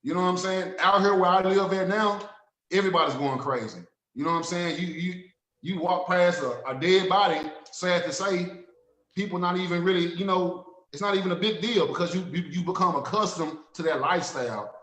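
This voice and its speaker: A man's voice: high voice, brisk, a bit bright, reverberant, poor audio. A man in his thirties from Dallas, Texas, with a Dallas accent, guesting as an author and talking in an earnest, streetwise, repetitive way. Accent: Southern US, Dallas. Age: 30s. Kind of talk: casual interview talk. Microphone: video call.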